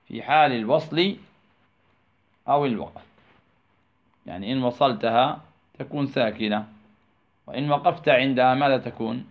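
A man teaching tajweed, drawing out words and asking rhetorical questions that he answers himself, repeating key terms. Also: medium pitch. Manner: slow, drawn-out phrasing. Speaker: Quran recitation teacher. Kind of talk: tajweed lesson, explaining verses of a poem. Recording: tinny phone-like recording.

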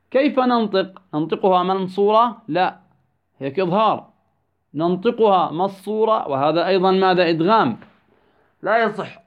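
Male tajweed teacher, high-pitched, drawing out example words slowly; muffled lo-fi sound. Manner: asks prompting questions then answers them. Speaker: Quran recitation teacher. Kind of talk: tajweed lesson. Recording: dull lo-fi recording.

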